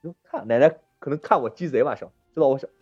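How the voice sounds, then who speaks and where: A man's voice: medium pitch, fast, slightly rough, no room sound, dull audio, soft background music. A man hosting a casual podcast chat, telling stories animatedly and acting out the people in them. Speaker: podcast host.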